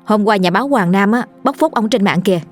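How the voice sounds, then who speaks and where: A woman's voice: mid-range voice, fast, soft background music, natural voice. A woman voicing an angry middle-aged mother who scolds a street vendor in a storybook tale. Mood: furious. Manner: scolding, confrontational.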